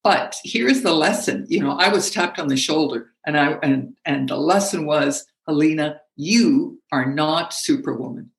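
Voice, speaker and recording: Middle-aged woman chatting as a guest, halting starts, laughs a lot, roomy echo. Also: low voice, creaky. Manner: animated, laughs often, halting restarts. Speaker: guest, speaking coach. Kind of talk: conversational interview.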